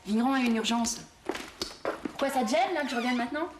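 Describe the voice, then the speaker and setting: Woman as a suspicious wife, fairly high voice, roomy noisy tv sound. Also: quick pace, close to an everyday voice. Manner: suspicious, questioning. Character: suspicious young wife, sharp. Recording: roomy, noisy TV sitcom audio.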